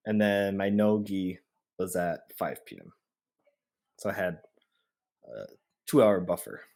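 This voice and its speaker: His voice is low and gravelly and his pace unhurried. This man from Hawaii hosts a podcast, chatting in slang and animatedly playing out his thoughts while telling a story.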